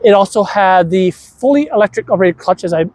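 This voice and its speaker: A co-host with a high, expressive, darkish-toned voice talks briskly while explaining old electric cars in an indoor car museum hall. His casual tour chat is enthusiastic and rambling, full of restarts.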